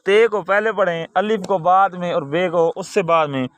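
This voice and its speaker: A man's voice: high-pitched, moderate pace, a little hiss or hum. A man teaching a recorded lesson to young children, patient, repeating key words and asking quiz questions.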